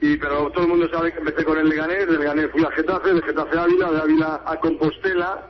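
A man in his fifties with a Madrid Spanish accent, a sports director chatting as a radio guest in a relaxed way. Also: fairly high pitch, quick pace, slight background noise. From Madrid, Spain. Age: 50s. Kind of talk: radio interview conversation. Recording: muffled radio broadcast.

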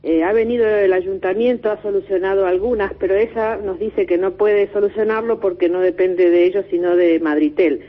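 A woman phones in to a radio show, and her voice comes through a tinny phone line. Her tone is husky and slightly breathy. She explains her complaint in a rambling, hesitant way. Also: mid-range voice, steady tone, moderate pace, few pauses. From Spain. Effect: over the phone. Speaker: radio caller. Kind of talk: phoning in a complaint.

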